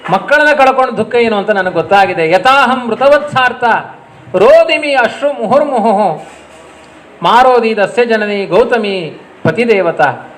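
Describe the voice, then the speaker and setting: A man's voice: very high-pitched, lively intonation, a little fast, a bit bright, poor audio. A man in a sermon voicing a grieving, merciful queen who pleads and chants a verse. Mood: pleading.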